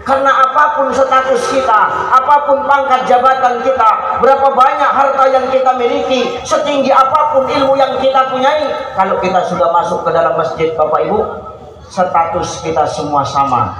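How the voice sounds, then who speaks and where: A man giving a humorous sermon to a congregation, lively and jokey, often calling out to the men listening. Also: very high voice, normal speed. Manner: lively, jokey, addresses the audience as "Pak". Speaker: preacher. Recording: echoey hall with faint background noise.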